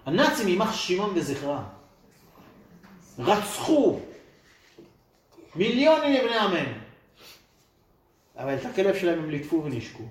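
A man with a high voice that swings up and down a lot gives an emphatic Torah class. He keeps throwing rhetorical questions at his listeners. His voice echoes around the room he teaches in. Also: very animated, pauses often. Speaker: religious teacher. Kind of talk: Torah class with audience replies. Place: room with a live audience.

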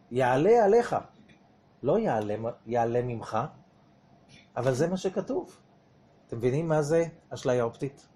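A man's voice: mid-range voice, dark tone, breathy edge. A man teaching a lesson on the weekly Torah portion, often asking his listeners rhetorical questions as he explains.

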